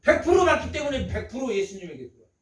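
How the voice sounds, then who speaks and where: A pastor delivering a Sunday sermon in a notably high-pitched male voice. He drives his points home by repeating phrases and firing rhetorical questions at the congregation. The sound is roomy and slightly distant, as if picked up from across a church sanctuary. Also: big pitch swings, fast talker. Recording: echoey church hall, mic at a distance.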